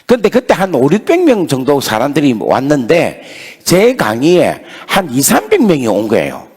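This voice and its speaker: A man's voice: high-pitched, slightly rough. A male pastor with a Gyeongsang Korean accent preaching at a revival meeting, telling a story with emphatic, acted-out dialogue. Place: church revival meeting hall. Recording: reverberant hall sound.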